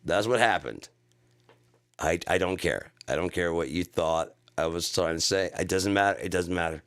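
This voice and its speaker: A man in his forties with a very low, gravelly voice and a faint whistle on his S sounds. He rambles casually, swears freely and is easily amused. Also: moderate pace, a bit bright. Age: 40s.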